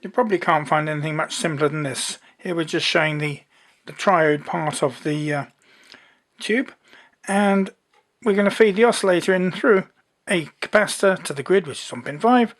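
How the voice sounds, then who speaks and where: Someone with a middle-pitched voice gives a hands-on electronics demonstration. They speak informally and without hurry, plainly explaining each step as they show it.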